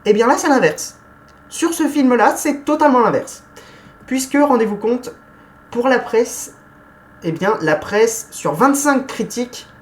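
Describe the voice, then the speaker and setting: A woman giving a casual film review, chatty and hesitant, often pausing with fillers and correcting herself. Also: a little high.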